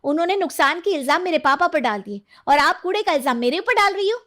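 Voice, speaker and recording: A woman voicing a sharp-tongued young married woman who complains in a high voice, in a cartoon story. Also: animated, fast talker. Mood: accusing.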